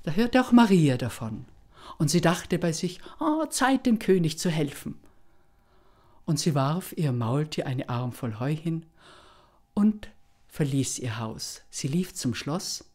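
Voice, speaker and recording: Woman telling a fairy tale, real slow and deliberate, lots of pauses. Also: deep voice, lively intonation, a little mellow. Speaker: storyteller. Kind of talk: oral folk-tale telling.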